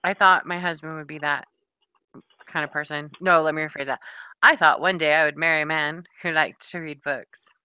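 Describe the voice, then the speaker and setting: With a low-pitched, forceful and bright voice that's clear and resonant, this middle-aged woman co-hosts a podcast at normal speed with fairly even intonation. There's no room sound as she chats casually, spinning rambling stories full of asides.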